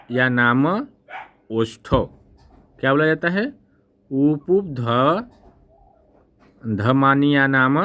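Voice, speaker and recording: A male teacher giving an exam-prep lesson, explaining slowly and repeating himself, often checking "right?" with the class and correcting his own slips with an apology. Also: mid-range voice, sharp tone, slight background noise. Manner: slow, repetitive explaining with frequent "ठीक ना?" checks.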